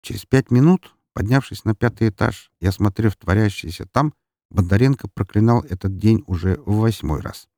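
A man reading an adventure audiobook as narrator, with expressive storytelling delivery. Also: lowish voice, normal speed, no echo, clean studio sound.

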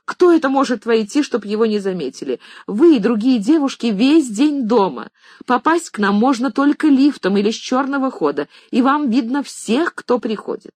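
The reader voicing an agitated wealthy lady who scolds her maid, speaking in a higher, shrill and indignant way. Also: very animated, moderate pace, a little mellow, slightly rough, no room sound. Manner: flustered, then shrill and indignant.

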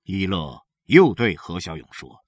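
A man narrating a story aloud, with a lively, expressive reading. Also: a little slow, dry recording, clean studio sound. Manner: lively, expressive reading that swings widely in pitch. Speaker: audiobook narrator.

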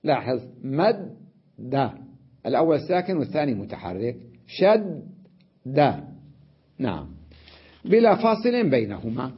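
A man teaching an Arabic grammar lesson, sounding out letters slowly, repeating examples and often checking that the listener follows. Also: a little high, very animated, breathy edge, dull audio. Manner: addresses the listener directly with checks like "notice" and "right?".

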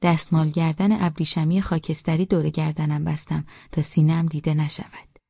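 Dark-toned woman narrating an audiobook. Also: low voice, level tone, gravelly, breathy edge, dry recording, lo-fi sound. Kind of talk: first-person audiobook narration.

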